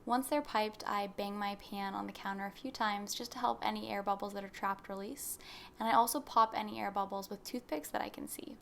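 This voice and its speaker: A woman's voice: medium pitch, steady tone, a little fast, gravelly, a bit bright, a little hiss or hum. A young woman narrating a baking recipe as a voice-over, explaining each step in a friendly instructional way. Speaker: baking channel host.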